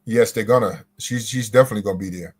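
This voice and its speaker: Low-voiced guy breaking things down on a podcast, measured, repeats himself to make a point. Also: breathy edge. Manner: measured, explains step by step, repeats phrases for emphasis. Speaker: guest legal commentator. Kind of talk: podcast interview answers.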